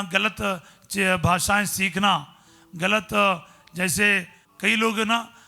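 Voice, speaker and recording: Middle-aged priest preaching in hindi, high piercing voice, soft music behind. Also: male voice, vocal fry. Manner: storytelling preacher, simple conversational Hindi, exclaims hallelujah. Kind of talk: sermon with personal stories.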